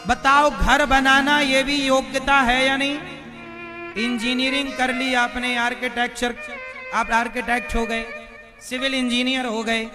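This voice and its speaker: A man's voice: extremely high pitch, level tone, measured pace. A male spiritual preacher giving a devotional discourse to a crowd, firing rhetorical questions at the audience and hammering points home with emphatic repetition. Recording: violin music playing behind.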